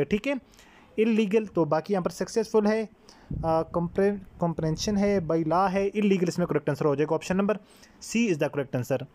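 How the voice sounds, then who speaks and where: A man's voice: high voice, a little mellow. A man teaching a test-prep lesson, explaining word meanings and repeating each answer.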